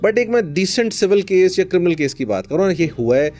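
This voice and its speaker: A man's voice: high-pitched, very animated, fast talker, a little mellow. A man in his forties with a Pakistani Urdu accent, a lawyer answering interview questions in an earnest, storytelling way, mixing in English phrases. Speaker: lawyer, podcast guest.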